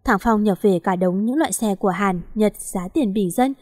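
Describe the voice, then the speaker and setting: Woman reading a story audiobook, steady, mid voice, dry close mic. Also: mid-range voice, moderate pace, no echo. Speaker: audiobook narrator. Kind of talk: scripted story narration.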